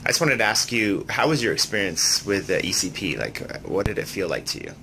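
A man's voice: fairly low pitch, big pitch swings, a little fast, creaky, pushed and bright, a little hiss or hum. A man from the clinic staff, asking a patient questions in a friendly, casual way with short acknowledgements. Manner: friendly, with frequent brief acknowledgements.

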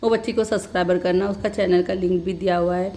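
A woman's voice: on the low side, steady tone, mellow. A middle-aged woman vlogger talking casually to her viewers, telling a story between bites and calling them "beta". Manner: pauses while chewing.

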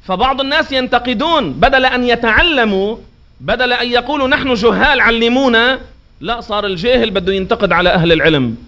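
A man's voice: very high voice, sharp tone. A man giving a religious lecture, emphatic and drawing out words to show pronunciation. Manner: emphatic, drawn-out demonstrations of pronunciation. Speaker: preacher. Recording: dull lo-fi recording.

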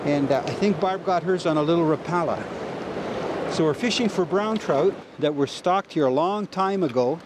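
A man's voice: on the high side, moderate pace, noisy background. A middle-aged man hosting a fishing show outdoors by a mountain river, explaining each catch with enthusiasm. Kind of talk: on-location fishing narration.

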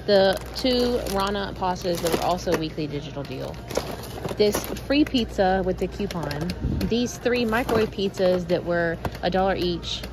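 A woman's voice: medium pitch, noisy background. Chatty woman tallying grocery savings. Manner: chatty, tallies prices and savings aloud. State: out of breath. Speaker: vlogger. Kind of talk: casual shopping haul vlog.

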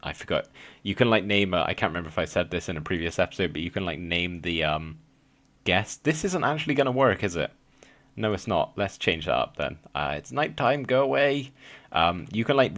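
Young male gaming host, low voice, slight lisp, chatty and rambling, thinks aloud with ums. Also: a bit bright. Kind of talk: casual let's play commentary.

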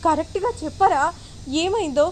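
A woman's voice: very high voice, animated, moderate pace, a little hiss or hum, pitched above the performer's own voice. A woman voicing an alarmed older husband who demands to know what happened. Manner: sharp, demanding.

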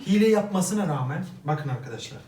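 A man's voice: high-pitched, animated, fast talker, warm tone. A man hosting a family challenge, commenting casually and playfully as he addresses the viewers. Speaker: host and contestant in a family challenge. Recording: echoey, distant mic, noisy room.

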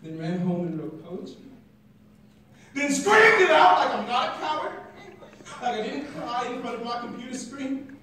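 A man's voice: very high voice, sing-song, moderate pace, distant mic, slight background noise. Young man performing spoken word, echoey room. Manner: builds from quiet intensity to shouting. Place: classroom at a conference, indoors. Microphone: stand mic, filmed by a phone from the audience.

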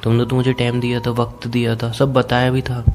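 Over a phone call recorded with music playing behind him, a young man pleads insistently in an emotional private conversation. His mid-range voice has a darkish tone and a completely flat delivery, moving a little fast.

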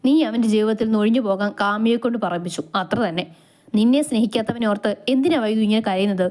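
A woman's voice: medium pitch, fast, a little mellow, lightly acted. A woman voicing a caring young man who questions with serious concern.

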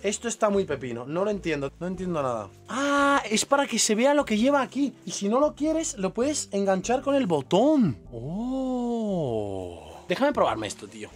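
A young man with a Spain Spanish accent, chatting excitedly and using plenty of slang as he unboxes clothes in a casual vlog. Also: high-pitched, moderate pace. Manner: excitable, slangy, shouts in bursts. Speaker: fashion unboxing youtuber.

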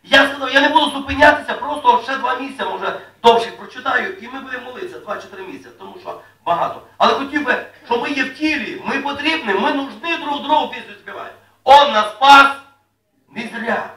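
A man preaching a sermon to his congregation in a folksy way, asking them questions and rising loudly when he reads scripture. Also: extremely high pitch, fast talker, few pauses. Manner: folksy, asks the congregation questions, rises to loud reading. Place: church hall. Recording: echoey room, mic at a distance.

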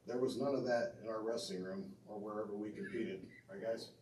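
A middle-aged man with a lowish voice moves briskly through an earnest tribute speech honoring his father's hall of fame induction, reading from notes at a banquet-room podium with fillers, restarts, and audience asides. The podium mic reaches a distant camera, leaving the recording roomy with faint background noise.

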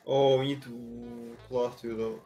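A man's voice: medium pitch, level tone, slow, highs cut off. A man in a gaming voice call giving short, clipped callouts. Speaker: teammate in voice chat. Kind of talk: casual voice chat while gaming. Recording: clear game music behind the voice.

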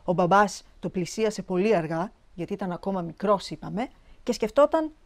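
An actress narrating a children's short story with an expressive, animated reading. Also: female voice, mid-range voice.

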